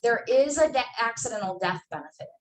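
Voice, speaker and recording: A woman in her twenties, a sales trainer, speaks a little fast in an expressive, slightly high voice while emphatically coaching new sales agents with lots of fillers. The background is noisy, and the echoey room is recorded from a distance with faint ambience.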